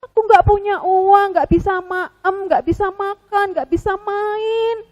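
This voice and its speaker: A woman voicing a sad little penguin puppet in a children's story, talking softly and slowly, on the edge of tears. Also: extremely high pitch, steady tone, muffled recording. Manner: soft, quiet and slow, breaking into sobs.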